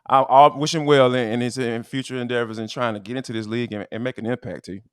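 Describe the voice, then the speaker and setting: A man hosting a sports podcast, talking in an animated, emphatic, slangy way and reading an ad with energy. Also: mid-range voice, fast, clean tone, dry recording, studio quality. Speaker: podcast host. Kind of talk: casual sports podcast talk and read ad.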